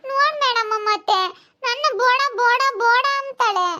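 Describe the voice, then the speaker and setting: A woman's voice: very high-pitched, normal speed, bright, forceful tone, pitched above the performer's own voice. A woman voicing a little girl who cries and tattles to her teacher in a whiny, tearful way. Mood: tearful tattling.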